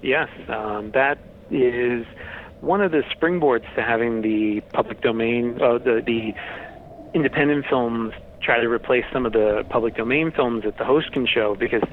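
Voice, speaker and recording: A man's voice: mid-range voice, normal speed. A man gives a casual interview as a guest, explaining in a matter-of-fact manner. He sounds thin and tinny, as if over a phone line, with faint noise in the recording. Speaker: interview guest, horror host website runner.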